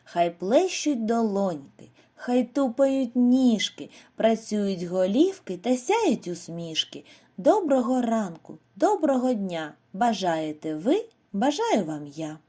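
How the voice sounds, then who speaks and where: Slow, breathy Ukrainian woman teacher. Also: a little high, very animated, warm tone. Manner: slow, clear, sing-song delivery. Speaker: primary school teacher. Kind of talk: scripted lesson narration for young children.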